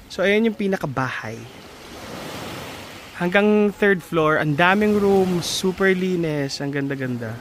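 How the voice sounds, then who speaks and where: A woman's voice: lowish voice, animated, measured pace, a little hiss or hum. A woman filming a casual walk-through vlog of a beach resort house on a handheld phone, chatty and exclaiming as she shows each spot. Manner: chatty, exclaiming tour guide. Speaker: family vlogger.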